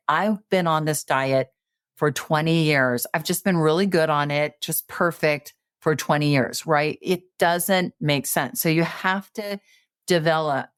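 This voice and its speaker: A woman in her late fifties appears as a podcast guest, offering coaching advice conversationally and animatedly, with lots of fillers and restarts. Her voice sits low with a clean tone. The studio sound is clean, with no room sound.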